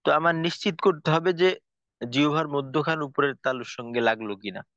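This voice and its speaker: A man teaching a tajweed lesson, explaining slowly and carefully with frequent pauses and fillers. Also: mid-range voice, a bit bright, dry recording. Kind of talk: recorded lesson lecture. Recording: dull lo-fi recording, dry.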